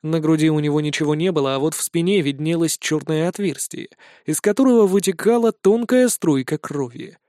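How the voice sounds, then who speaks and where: A man reading a fantasy novel aloud with steady, dramatic narration. His voice sits fairly high, and it is recorded close and dry with no room sound. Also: a little fast, hardly any pauses, no echo. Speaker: audiobook narrator. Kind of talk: scripted narration.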